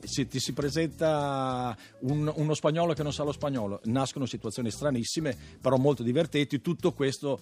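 A man guesting on a radio talk show, telling stories in an easygoing way with plenty of hesitant restarts. His pitch sits in an ordinary middle range, and faint music plays behind him. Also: moderate pace, hardly any pauses, a little mellow. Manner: chatty storyteller, hesitant restarts. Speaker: guest performer. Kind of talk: casual radio chat. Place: radio studio.

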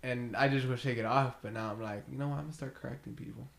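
A man chatting casually on a podcast, telling jokes and stories in a deadpan way. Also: mid-range voice, fast, gravelly. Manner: joking, deadpan teasing storyteller. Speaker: podcast co-host. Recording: roomy echo, faint noise.

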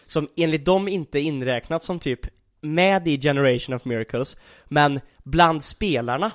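A man's voice: a little high, no echo, studio quality. A young man in casual chat, animatedly retelling an anime with lots of fillers. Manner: animated, many fillers like "liksom".

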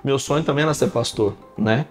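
A man in his thirties who works as a pastor chats on a laid-back podcast, telling animated stories full of "cara" and "né." He has a mid-range voice, talks a little fast, and soft music plays underneath.

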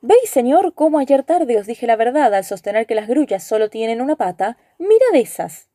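A man's voice: very high-pitched, sing-song, dark tone, dry recording, clean studio sound. A woman playing Chichibío, a crafty scared cook. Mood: pleading. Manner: pleading, quick excuses. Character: frightened, crafty young male cook.

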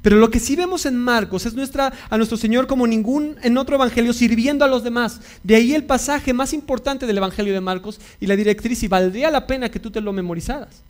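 High-voiced male pastor preaching. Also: fast talker, hardly any pauses. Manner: preaching with emphatic repetition and questions to the congregation. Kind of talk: sermon.

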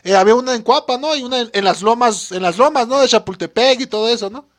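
A man's voice: extremely high pitch, fast, a bit bright. A young man with a Mexican accent, trading crude, slangy jokes in a casual chat among friends. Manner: crude slangy banter, jokey.

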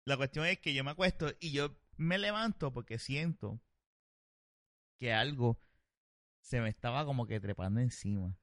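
A man, telling a story on a casual podcast, animated, swearing freely and laughing often. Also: medium pitch, moderate pace, pauses often, no echo.

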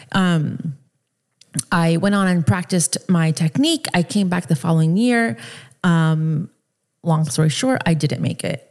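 A woman in her thirties, from the Dominican Republic, hosting her own podcast in a chatty, personal way, with fillers and quick self-corrections. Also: fairly low pitch, darkish tone. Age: 30s. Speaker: podcast host. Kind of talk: casual solo podcast monologue.

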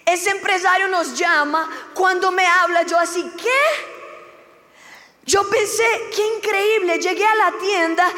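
A young woman with a very high voice gives a heartfelt testimony, acting out the lines of the people in her story. Her voice rings with a long hall echo. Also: fairly even intonation, normal speed, few pauses, sharp tone. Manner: emotional storytelling, acting out dialogue. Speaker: church speaker giving testimony. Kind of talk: testimony sermon.

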